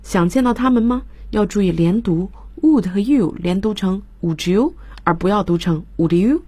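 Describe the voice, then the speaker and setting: A woman's voice: medium pitch, moderate pace, warm tone, breathy edge, no echo. A woman English teacher on a radio program, explaining grammar in Chinese and reading English example lines. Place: radio studio.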